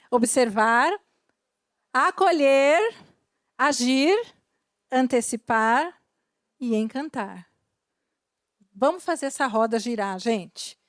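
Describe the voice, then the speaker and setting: A woman's voice: high-pitched, no room sound, studio quality. A middle-aged woman, giving a corporate training lesson and talking straight to her viewers. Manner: animated, addresses the viewers as "gente", often says "né" and "tá".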